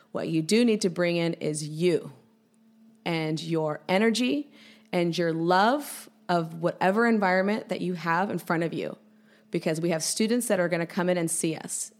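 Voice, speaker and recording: A woman educator with a lowish voice appears as a guest on a podcast interview, explaining things through energetic, animated storytelling.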